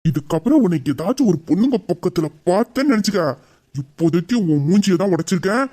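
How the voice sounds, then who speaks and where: A man's voice: high-pitched, expressive, fast, mellow, a little hiss or hum. A man voicing a protective young lover, anxious with questions and furious with threats, in an amateur audio drama. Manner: worried questioning, angry threats.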